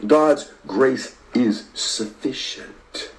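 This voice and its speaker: A man preaching a sermon, repeating phrases for emphasis and swinging between loud stress and near-whispers while talking to online viewers. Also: mid-range voice, drawn-out words, low-quality recording. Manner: repetitive and emphatic, rising to stress and dropping to a hush.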